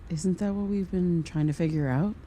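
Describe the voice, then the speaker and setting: Her voice lowish and dark, lightly acted, the lead actress portrays a podcaster hunting for answers in a naturalistic audio drama. Earnest and hesitant, she stays polite and apologetic in halting speech while turning defensive and insistent; there's slight background noise.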